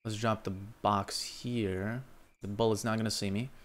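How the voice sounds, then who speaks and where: A young man from Lithuania, streaming live gameplay commentary into a headset and talking to his chat, breaking into loud exclamations. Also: fairly low pitch, little pitch movement, moderate pace, slight background noise. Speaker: gaming streamer.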